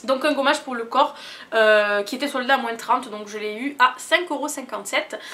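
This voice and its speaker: A woman's voice: a little high, normal speed, sharp tone. A young woman chatting enthusiastically in a casual haul vlog, gushing as she shows what she bought. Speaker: beauty vlogger.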